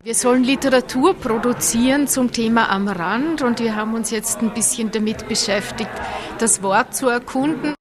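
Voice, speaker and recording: A woman's voice: fairly high pitch, normal speed, crowd noise. A young woman from a literature workshop explaining her group's task. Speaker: literature lab participant.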